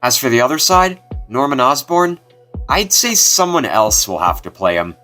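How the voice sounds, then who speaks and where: A man with a mid-pitched voice delivers casual scripted commentary as a video host. Faint music plays behind him. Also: big pitch swings, normal speed, bright, forceful tone.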